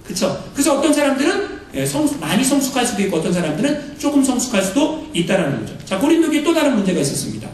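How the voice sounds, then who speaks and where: A pastor giving a lively sermon, often questioning the congregation and acting out what people say. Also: mid-range voice, rapid-fire, hardly any pauses. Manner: lively, questions the congregation, acts out quoted voices. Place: church sanctuary. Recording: very echoey hall, mic far off, faint noise.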